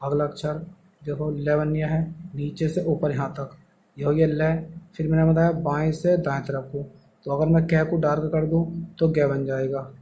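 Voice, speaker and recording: A man's voice: on the high side, flat delivery, normal speed, warm tone, slight background noise, poor audio. A man teaching a shorthand lesson step by step, explaining patiently and answering his own questions.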